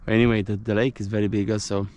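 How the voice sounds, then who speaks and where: A man's voice: on the low side, little pitch movement, quick pace, darkish tone. A man chatting casually as an angler vlogger, often tagging his phrases with a questioning huh or yeah, recorded on an open shore. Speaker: angler vlogger hosting a fishing trip. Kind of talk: casual outdoor chat. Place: outdoors on an open reservoir shore. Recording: faint outdoor ambient noise.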